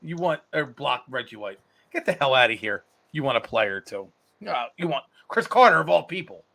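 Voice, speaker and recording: Brief: male co-host, bright forceful voice, very lively pitch, animated sports banter. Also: normal speed, vocal fry. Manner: animated, acts out players' lines, repeats words. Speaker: podcast co-host. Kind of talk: casual sports chat.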